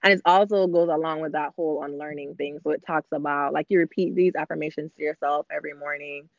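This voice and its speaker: A woman's voice: low voice, steady tone, fast talker, vocal fry, dry recording, muffled recording. A woman in her thirties, a podcast guest, telling her story openly in casual chat. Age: 30s. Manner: candid, open storytelling.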